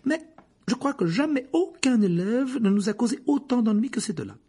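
A man's voice: very high-pitched, animated, moderate pace, mellow, voice pushed up, heavily acted. A man voicing a stern older female teacher who speaks dryly and with exasperation. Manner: crisp, exasperated, dry.

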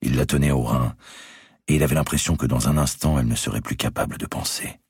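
A male audiobook narrator reading with expressive storytelling. His voice is extremely deep with a gravelly, husky grain, moving lively through its pitch, recorded close and dry. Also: fast talker, no echo. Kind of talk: scripted narration of a historical novel.

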